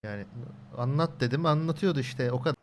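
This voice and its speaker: A man's voice: medium pitch, fast. A man doing casual in-character roleplay in an online game, talking in a rambling, hesitant way with fillers. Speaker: roleplay gamer playing a character.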